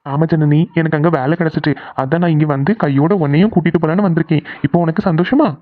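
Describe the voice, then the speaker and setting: A low-pitched young husband in a cartoon soothes his frightened wife with quick, teasing words, as a woman voices him. The sound is tinny and phone-like. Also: no room sound, close to an everyday voice. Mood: reassuring. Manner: reassuring, teasing. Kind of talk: cartoon voice acting.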